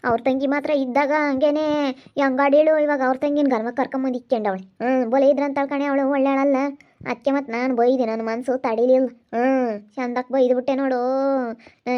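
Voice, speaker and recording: A woman playing a quarrelsome, sharp-tongued village woman in an amateur skit. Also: high voice, close to an everyday voice. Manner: scolding, rapid back-and-forth bickering. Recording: dull lo-fi audio.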